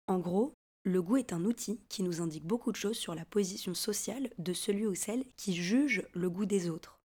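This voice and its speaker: A woman hosting a podcast, reading a scripted narration in a clear, essay-like way. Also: medium pitch, moderate pace, mellow. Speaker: podcast host.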